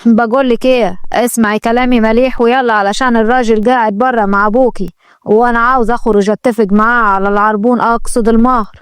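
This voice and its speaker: A woman voicing a greedy, sharp-tongued middle-aged stepmother who scolds and bosses people around. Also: on the high side, fairly even intonation, fast talker, clear, resonant tone, no echo, studio quality, lightly acted. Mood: scolding. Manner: scolding and bossy.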